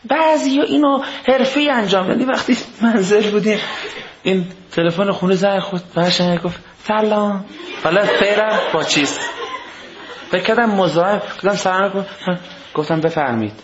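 A man giving a humorous religious lecture, joking and mimicking people as he talks, with big swings in his pitch. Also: background noise. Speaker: cleric lecturer. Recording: echoey, dull lo-fi hall recording.

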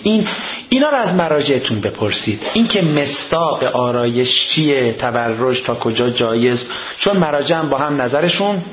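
A man giving a humorous religious lecture, joking and mimicking people as he talks, with big swings in his pitch. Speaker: cleric lecturer. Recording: echoey, dull lo-fi hall recording.

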